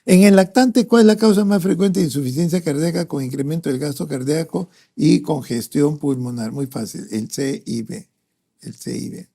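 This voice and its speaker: A man's voice: a little high, normal speed, gravelly, dark tone. A male doctor with a Peruvian Spanish accent, giving an exam-prep lecture. He works through questions aloud with frequent "¿no?" and "este" fillers. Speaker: doctor teaching a pediatric cardiology review.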